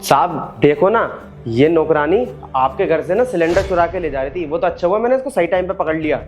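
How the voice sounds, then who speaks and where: A man's voice: on the high side, animated, a little fast, faint music behind, close to an everyday voice. A man playing a nosy, suspicious house servant. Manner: questioning, accusing.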